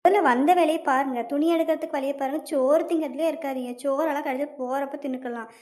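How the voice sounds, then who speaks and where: A sensible cartoon sister, voiced by a woman, calming the others down and telling them what to do. Her voice is high and her pace brisk. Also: lightly acted. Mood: firm. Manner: soothing, instructing. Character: level-headed young woman, calming sister. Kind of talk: comedy cartoon voice acting.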